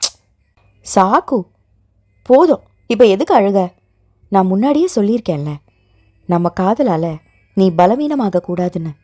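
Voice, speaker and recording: A woman voicing a protective young man who comforts his fiancée and gently scolds her. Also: high voice, sing-song, moderate pace, pauses often, no echo, studio quality. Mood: tender reassurance.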